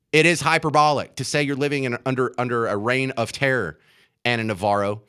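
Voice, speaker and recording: This American man hosts a radio talk show from a studio, giving an opinionated political monologue. His voice sits on the high side and sounds pushed and bright. He is emphatic and indignant, repeating phrases to hammer his points home.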